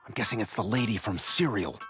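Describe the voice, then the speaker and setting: An actor voicing a smug would-be novelist in an animated sitcom, dry, pretentious and easily exasperated. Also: male voice, on the low side, fairly quick, loud music behind the voice, close to an everyday voice. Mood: dry, self-serving. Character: Brian, smug male would-be novelist in a cartoon.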